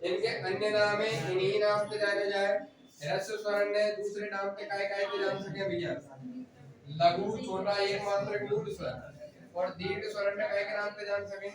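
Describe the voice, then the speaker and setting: A man's voice: high voice, monotone, moderate pace, recorded from a distance, a crowd in the background. A male teacher, drilling a class in grammar, repeating points and scolding students. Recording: very echoey room, voice from afar, faint noise.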